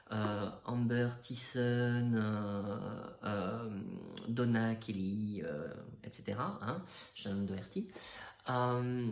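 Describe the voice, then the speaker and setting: Self-mocking male coach, casual comic monologue, middle pitch, echoey room. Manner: joking, self-mocking, lots of fillers and restarts. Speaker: NLP coach.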